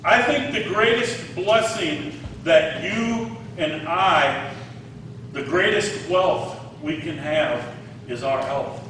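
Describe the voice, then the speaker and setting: Speaking slowly in a fairly high, fairly bright voice, this man in his sixties delivers a sermon as a pastor, chatting with his congregation and asking them questions. Slight background noise is audible, and the distant mic captures the echo of a large hall.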